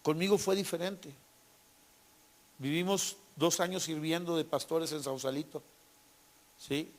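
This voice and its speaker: Animated Mexican man telling a faith story. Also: fairly high pitch, unhurried. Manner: animated storyteller who acts out dialogue and keeps checking with "¿sí?"; repeats and restarts words. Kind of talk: personal faith testimony.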